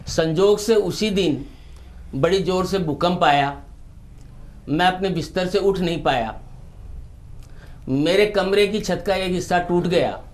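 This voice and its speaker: A male poet recites a humorous poem and lets the story unfold slowly, with careful comic timing. His voice sits fairly high for a man.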